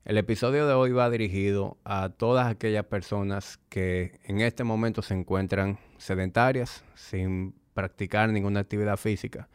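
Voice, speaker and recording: A man's voice: on the low side, steady tone, normal speed, few pauses, clean tone, no room sound, studio quality. A man hosting a podcast as a fitness trainer, talking conversationally and explaining things directly to the listener. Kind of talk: conversational solo podcast monologue.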